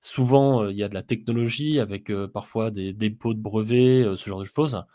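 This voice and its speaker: A man co-hosting a business podcast, explaining things steadily and pausing often with filler sounds. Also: on the low side, warm tone. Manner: hesitant, many "heu" fillers, explanatory. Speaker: podcast co-host, business software consultant. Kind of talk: casual business podcast discussion.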